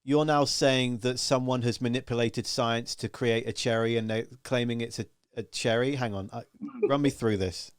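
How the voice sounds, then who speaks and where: A male podcast host leading a casual interview, joking playfully and asking with warm curiosity. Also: mid-range voice, steady tone, moderate pace, smooth, dry recording, clean studio sound.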